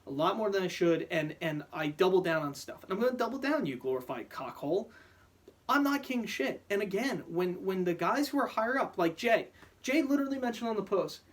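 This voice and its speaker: A man venting in a profane, heated vlog rant, often stammering and restarting his sentences. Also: high voice. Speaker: vlogger. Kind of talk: angry rant to camera.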